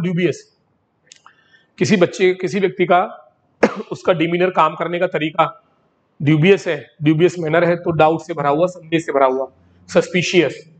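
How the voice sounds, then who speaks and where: A high-pitched man teaches vocabulary in a patient classroom style. He repeats each word several times and keeps calling his students "beta." The recording sounds dull and lo-fi. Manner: addresses students as beta, repeats words in drills.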